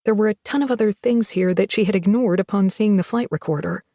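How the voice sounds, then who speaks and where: Woman with a dry, measured storytelling voice. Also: medium pitch, mellow, dry recording. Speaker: audiobook narrator. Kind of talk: scripted narration.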